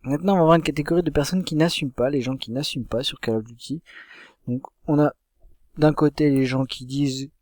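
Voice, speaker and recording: A man's voice: fairly high pitch, a little fast, darkish tone, dry recording, studio quality. A man presenting clips in a casual narration style. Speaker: video presenter.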